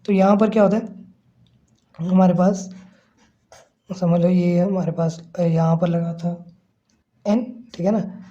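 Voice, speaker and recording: Man teaching chemistry, mellow and muffled. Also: high voice, fairly even intonation, takes it slowly, pauses often. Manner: explains step by step, often checks in with listeners. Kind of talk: classroom lecture. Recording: slightly muffled lo-fi recording.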